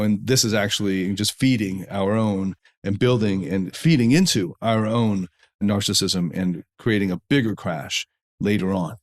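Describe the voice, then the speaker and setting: Alone on his podcast, a man still getting over a head cold that has deepened his voice delivers a monologue. He sounds earnest and preachy, stringing ideas into long run-on lists, and he's recording in an echoey room while traveling.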